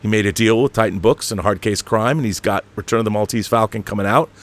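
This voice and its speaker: Here a man with a lowish voice talks at a quick pace while hosting a casual livestream. He rambles through monologue and chat reading with emphatic, opinionated fandom, letting slip the odd casual swear.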